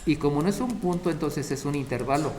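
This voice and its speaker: A man's voice: on the high side, lively intonation, fast talker, darkish tone, a little hiss or hum. A man giving a math lecture, explaining step by step and checking in with his students. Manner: explains step by step, often checking the class with short questions. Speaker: math teacher.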